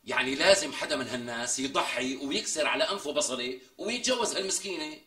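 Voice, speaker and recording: A man's voice: a little high, animated, sharp tone, echoey room. An actor playing a melodramatic, boastful man in a TV comedy sketch, talking in a theatrical, exaggerated way. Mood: earnest. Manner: theatrical, exaggerated, drawn-out emphasis. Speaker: comic sketch character.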